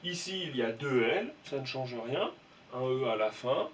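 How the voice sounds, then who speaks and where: A man teaching a young class to read, slowly and patiently spelling out letters and sounds. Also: mid-range voice, lively intonation. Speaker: primary school teacher. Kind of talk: reading lesson for young children. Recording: voice from some distance, faint room noise.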